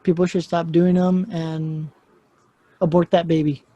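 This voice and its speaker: A man joining a casual podcast chat with deadpan, dark joking remarks. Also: fairly high pitch, measured pace, dry recording, highs cut off.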